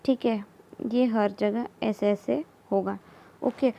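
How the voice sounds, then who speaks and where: A woman's voice: on the high side, steady tone, creaky, dark tone. A woman teaching biology, explaining step by step while drawing, repeating key terms and checking in with "theek hai". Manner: slow, repeats terms, mixes English terms into Hindi, frequent "theek hai".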